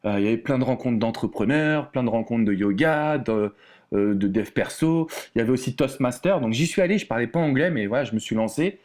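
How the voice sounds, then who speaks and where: A man's voice: mid-range voice, lively intonation, fairly quick, darkish tone. A man from France, a relationship coach, talking casually as a podcast guest, with many fillers and restarts. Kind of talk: casual podcast interview talk.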